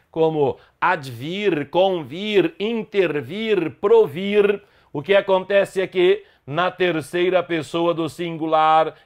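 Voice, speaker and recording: A male grammar teacher gives a recorded lesson in a fairly high voice. He talks very slowly and spells out each example word one by one with great care. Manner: slow, deliberate, spelling out words one by one.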